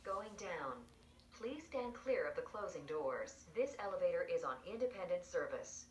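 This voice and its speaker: A woman's recorded elevator announcement voice played from the panel speaker, speaking in measured, evenly spaced public-address phrasing. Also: lowish voice, big pitch swings. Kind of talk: calm automated announcements. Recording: echoey, distant speaker with faint noise.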